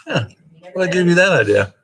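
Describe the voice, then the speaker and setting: A man's voice: high-pitched, a bit bright, breathy edge. A man hosting a casual live stream, reading viewer comments aloud and chuckling in a laid-back way. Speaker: host of a car channel live stream.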